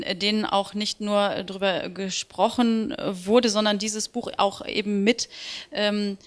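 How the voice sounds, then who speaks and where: A woman working as an interpreter, translating with frequent fillers. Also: mid-range voice. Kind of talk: consecutive interpreting.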